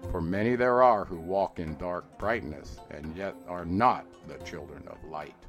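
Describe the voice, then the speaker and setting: A man with a very low, heavy voice reads an archaic mystical text like an incantation. His delivery is slow and declamatory, lifting on every call and falling away at the close of each line. Soft guitar plays faintly under him. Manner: slow, intoning and declamatory, rising on calls and dropping low at line ends. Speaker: reader. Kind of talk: solemn dramatic reading of an archaic mystical text. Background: soft guitar music.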